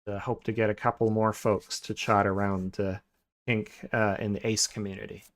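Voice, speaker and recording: A man's voice: lowish voice, moderate pace. Laid-back man hosting a podcast. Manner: relaxed, many filler sounds and restarts. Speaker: podcast host. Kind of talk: casual podcast chat.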